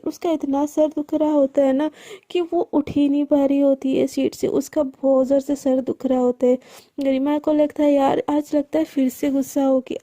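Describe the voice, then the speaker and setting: A woman narrates a story in a chatty, casual way, dropping in fillers and English words as she goes. Her voice is high with a dark, mellow tone, and the recording is close and dry. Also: dry recording.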